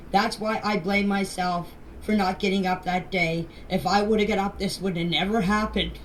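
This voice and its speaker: Her voice is mid-range and a bit bright as this older woman from Canada earnestly defends herself in a personal account, pressing and repeating her points. The voice message sounds distant and noisy, as if left over the phone.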